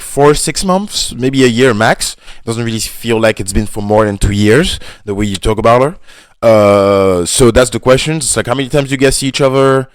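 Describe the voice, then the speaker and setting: A man hosting his own video, reacting casually and unscripted to a post, in a halting, loose way with many fillers, calling people "bro". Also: medium pitch, no echo, clean studio sound. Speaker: YouTube host reacting to a reader's post.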